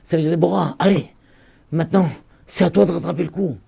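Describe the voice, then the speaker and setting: A man, a rabbi, giving a Torah lesson, who stresses points by repeating them and swings from loud calls down to near whispers. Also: a little high, fairly even intonation, brisk, vocal fry, breathy edge.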